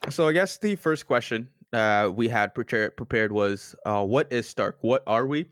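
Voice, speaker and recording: A man's voice: medium pitch, lively intonation, moderate pace, dry recording, clean studio sound. A nineteen-year-old man co-hosting a casual podcast, hesitant with many fillers and restarts. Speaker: podcast co-host. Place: student university, Canada.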